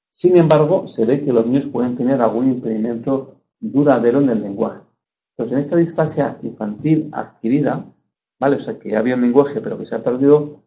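Mellow Spanish lecturer, checking in often. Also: male voice, medium pitch, dull audio. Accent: Spanish (Spain). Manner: explanatory, checks understanding with frequent tag questions. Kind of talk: university lecture.

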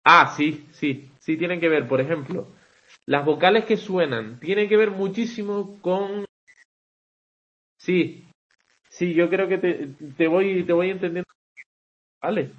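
A man's voice: sits high, unhurried, long pauses, fairly bright tone, lo-fi sound. A man teaching English poetic meter in an online class, talking conversationally and checking in with frequent rhetorical "vale", with some hesitant restarts.

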